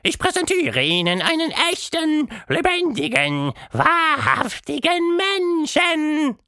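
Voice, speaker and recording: A high, flamboyant showman monster. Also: sing-song, pushed and bright, no room sound, clean studio sound, heavily acted. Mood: showman flourish. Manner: grand, drawn-out showman calls. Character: boisterous showman monster, male, theatrical.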